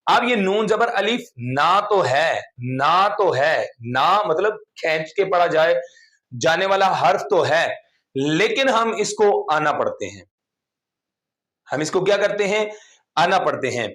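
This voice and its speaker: Guy explaining quran reading slow and patient, kinda high pitched. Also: fairly bright tone. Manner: patient, repetitive explaining with frequent "theek hai". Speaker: Quran recitation teacher. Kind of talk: explanatory online lesson.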